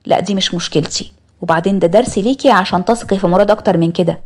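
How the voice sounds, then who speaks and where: A woman's voice: on the low side, very fast, slightly rough. A woman with an Egyptian accent voicing a proud, jealous middle-aged father who teases and scolds. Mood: teasing, scolding. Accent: Egyptian Arabic.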